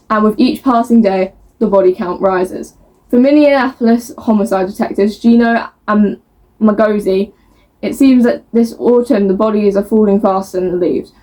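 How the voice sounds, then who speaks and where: A woman's voice: medium pitch, a little mellow. A woman chatting casually as a book vlogger, reading blurbs aloud and stumbling over words in a self-mocking way.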